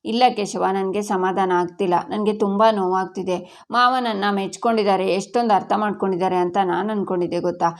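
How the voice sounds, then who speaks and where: A woman's voice: medium pitch, fairly even intonation, a little fast, natural voice. A woman voicing a tearful young daughter-in-law who speaks in a wounded, complaining way. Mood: hurt.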